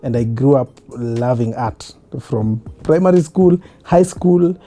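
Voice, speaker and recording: A man in his thirties with a Kenyan accent, talking about his past in a relaxed, reflective way. His voice is very dark and mellow, with frequent easy laughter. Faint music plays underneath. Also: mid-range voice, slow pace. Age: 30s. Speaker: guest. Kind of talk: casual interview.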